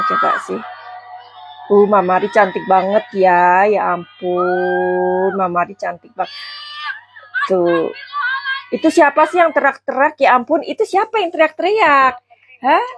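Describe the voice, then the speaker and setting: A woman's voice: fairly high pitch, breathy edge, no echo. A woman hosting a chatty celebrity gossip vlog, theatrical and teasing, calling her viewers darling.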